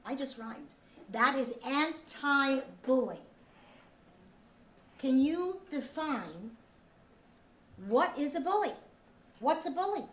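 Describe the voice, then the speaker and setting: A high-pitched woman delivers an earnest, upbeat lesson to schoolchildren. She quizzes them as she goes and repeats key points. The room echoes and the microphone sits at a distance. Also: animated, slow pace, long pauses, a bit bright. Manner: earnest, upbeat, asks questions and repeats answers. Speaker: teacher leading a school lesson. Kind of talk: interactive school lecture to children. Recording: roomy, distant mic, faint background noise.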